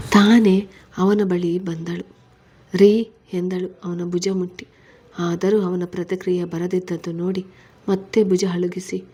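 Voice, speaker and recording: A woman narrating a story in a steady, plain storytelling manner. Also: on the low side, breathy edge. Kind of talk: storybook reading.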